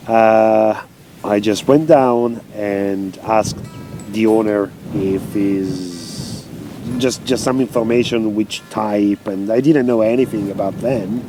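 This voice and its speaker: Slow, mellow Italian-accented man. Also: on the low side, soft background music. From Italy. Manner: halting, simple non-native English with many fillers. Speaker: interviewed traveler. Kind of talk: casual interview.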